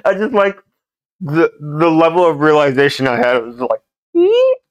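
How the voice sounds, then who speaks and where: A man's voice: fairly high pitch, expressive, moderate pace, dry recording, low-quality recording. A young man co-hosting a podcast, telling anecdotes in a rambling way full of "like" fillers. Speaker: podcast co-host. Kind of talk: casual chat.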